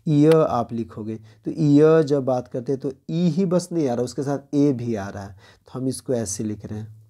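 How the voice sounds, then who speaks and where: A man from India teaches an exam-prep phonetics lesson, explaining each step and reading English lines slowly in an Indian accent. He checks in by asking "clear?", his voice mid-range and mellow.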